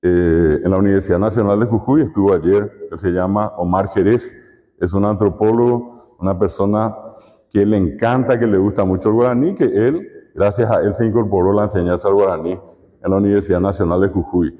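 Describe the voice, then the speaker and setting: Recorded with dull lo-fi quality in an echoey hall, a man with a Paraguayan Spanish accent lectures at a conference as a university lecturer. His voice is fairly low and fairly quick, and he leans on repeated examples and rhetorical questions.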